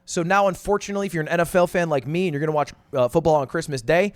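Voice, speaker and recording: A man giving animated opinion commentary in a blunt, exasperated manner, swearing often. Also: on the high side, racing, no echo. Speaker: online commentator.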